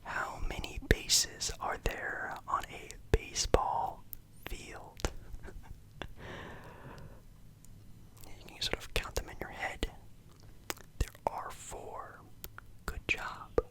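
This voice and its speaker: A man's voice: slow, low-quality recording. Man whispering ASMR right in your ear. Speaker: ASMR video host.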